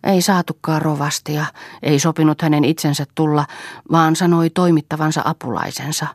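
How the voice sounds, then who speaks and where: A woman reading aloud voices a sharp-tongued grown woman who speaks pointedly. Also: low-pitched, steady tone, dry recording, clean studio sound, pitched above the performer's own voice.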